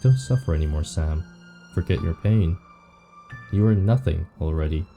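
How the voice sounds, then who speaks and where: A man reading the lines of a weary, morbid undead painter from a visual novel, slowly and somberly. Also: low-pitched, lively intonation, creaky, dark tone, soft background music. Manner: slow, somber reading of game text.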